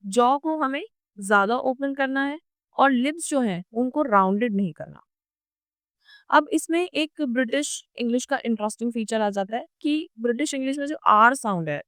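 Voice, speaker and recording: A woman's voice: fairly bright tone, no room sound, clean studio sound. A young Indian woman with an Indian accent giving a patient, step-by-step lecture as an online tutor. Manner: patient, explains step by step and drops her pitch on example words. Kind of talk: explanatory lecture.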